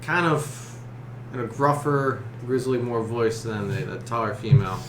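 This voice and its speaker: Halting man as game master in echoey room. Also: medium pitch. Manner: halting, searching for words. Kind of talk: narrating a tabletop role-playing game. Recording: roomy, echoey, noisy room recording.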